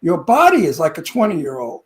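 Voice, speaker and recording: Pitched on the high side with huge swings, this octogenarian co-host speaks at a moderate pace on a celebrity interview show. He gushes emphatically with lavish praise, restarting phrases and repeating words at the start of sentences.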